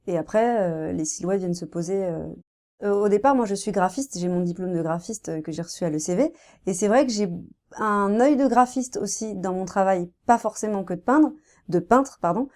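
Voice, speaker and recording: A woman in her thirties, a painter, talking casually in an interview, soft-spoken and hesitant with many fillers and restarts. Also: medium pitch, normal speed. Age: 30s.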